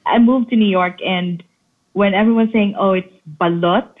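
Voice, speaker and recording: A woman from the Philippines chatting casually as a guest, halting with frequent restarts. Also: mid-range voice. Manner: halting, warm, restarts often. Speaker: travel food vlogger guest. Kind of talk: casual chat. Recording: tinny phone-like line.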